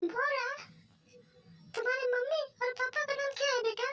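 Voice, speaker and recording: Very high-voiced kind spirit mother, a woman voicing her. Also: fairly even intonation, normal speed, sharp tone, soft background music. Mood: gentle. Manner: earnest and protective. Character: kind female spirit, a lost boy's mother. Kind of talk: cartoon voice acting.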